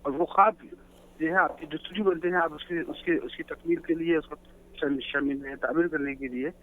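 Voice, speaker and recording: A man's voice: on the high side, steady tone. Man explaining earnestly over a tinny phone line. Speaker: guest caller. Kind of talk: phone-in talk show discussion. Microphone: telephone.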